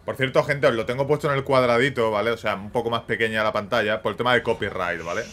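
An excitable man with a Spain Spanish accent talks his viewers through a game trailer as a gaming YouTuber. His casual reaction commentary sits at a middle pitch and keeps checking in with quick tag questions. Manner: excitable, peppers speech with quick tags.

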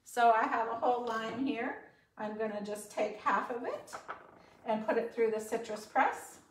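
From a distant camera mic in an echoey home kitchen, a woman with a fairly high voice talks at a moderate pace over background noise. A cooking show host and sales consultant, she chats upbeat to followers while demonstrating a dish, saying "um" a lot.

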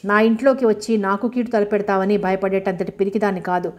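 A woman's voice: mid-range voice, flat delivery, a little fast, natural voice. Bharati, woman reading a bitter young widow.

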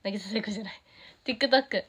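A woman's voice: medium pitch, moderate pace, a bit bright, breathy edge. A teenage girl with a Kansai accent, chatting casually on a livestream, reading fan comments and giggling often. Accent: Kansai Japanese. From Japan. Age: teens. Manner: bubbly, giggly, easily delighted by comments. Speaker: idol streaming to fans.

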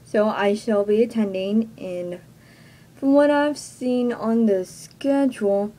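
Slow and warm-toned, this young Texan woman's mid-range voice delivers a casual announcement to her viewers, hesitantly and self-consciously, with plenty of "like." The vlogger speaks into a webcam at close range in a small bedroom, and the audio quality is poor.

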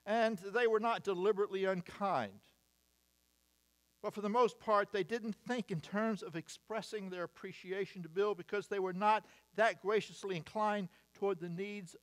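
Older american pastor at the pulpit, kinda high voice, dry little jokes, leans hard into his lists. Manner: measured, wry asides, reading lists emphatically. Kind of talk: sermon. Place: church sanctuary, at a wooden pulpit. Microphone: pulpit mic, far camera.

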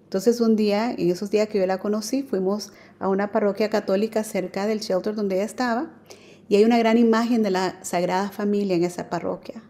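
A woman's voice: mid-range voice, steady tone, fairly quick, warm tone. A woman telling her personal faith story as a radio guest, earnest and full of fillers. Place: radio studio.

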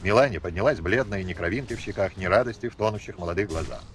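A man reading a novel aloud as narrator, measured and expressive. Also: on the low side.

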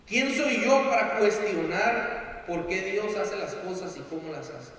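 High, bright preacher echoing in a church. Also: male voice, animated, a little slow. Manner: acts out bitter complainers in a raised voice. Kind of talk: sermon. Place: church sanctuary. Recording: echoey hall from far off.

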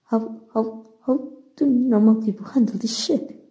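This voice actor's ASMR heroine comes across as anxious and inward, a flustered, tender young woman who stammers hesitantly. She speaks a little high and unhurried, in a soft, husky voice with a Mexican accent.

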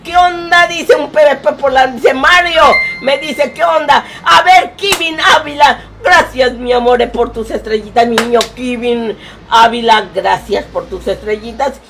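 A woman's voice: sits high, unhurried, gravelly, noisy background. A woman with a Mexican accent, streaming a game live and fondly greeting viewers in chat. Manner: affectionate, calls viewers "my love", sings snatches.

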